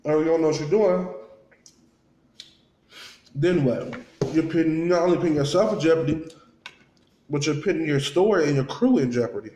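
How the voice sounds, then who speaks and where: A man with a slightly high-pitched voice talks casually to viewers over food. He chews while he talks and slips into quoted dialogue as he recounts things, repeating himself for emphasis. The sound is clearly roomy and echoing. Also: normal speed, pauses often, mellow, slight background noise. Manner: talking while eating, chewing between phrases; conversational, acts out reported dialogue, repeats for emphasis. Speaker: vlogger.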